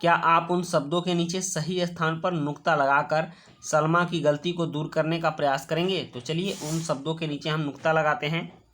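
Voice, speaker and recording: A man teaching a children's worksheet lesson, explaining patiently step by step and repeating words slowly. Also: a little high, steady tone, a bit bright.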